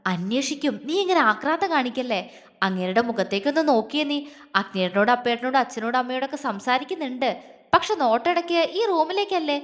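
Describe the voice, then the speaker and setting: A woman's voice: high voice, animated, fairly quick, fairly bright tone. A woman voicing a flustered young woman who stammers anxiously. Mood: teasing. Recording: long reverb.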